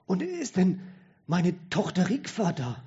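A man's voice: sits high, huge pitch swings, measured pace, mellow, slightly rough, dull audio, voice pushed up, exaggerated voice. A man voicing a frail, dying old father in a joke, speaking in a weak, strained voice. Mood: feeble, fretful.

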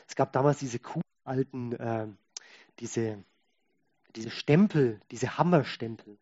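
A man delivers a sermon in a dark, slightly husky voice. He drops to quiet asides and then builds to loud, emphatic lines, acting out the voices he quotes. The recording sounds dull and lo-fi. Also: a little high. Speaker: preacher.

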